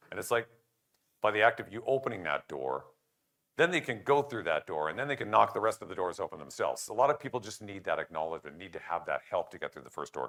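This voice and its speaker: An older man gives a conference talk in a low voice. His pitch swings widely as he acts out what other people say and cracks jokes. He often pokes fun at himself. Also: vocal fry. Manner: animated, jokey, self-deprecating, acts out quoted remarks. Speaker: conference speaker.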